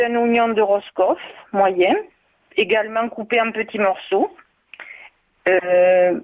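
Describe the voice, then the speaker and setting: A woman from southwest France with a Bordeaux-area accent, calling in and explaining a recipe in a hesitant way, with many filler pauses. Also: mid-range voice. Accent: Bordeaux-area French. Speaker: caller. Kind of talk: call-in recipe chat. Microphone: telephone. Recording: tinny phone line.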